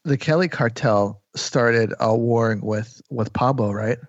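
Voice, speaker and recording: A male host who chimes in with short reactions and quick quips, his voice mid-pitched and easygoing. The sound is dry, with no room echo, and slightly muffled. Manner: brief reactions, laughs along. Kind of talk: casual podcast chat.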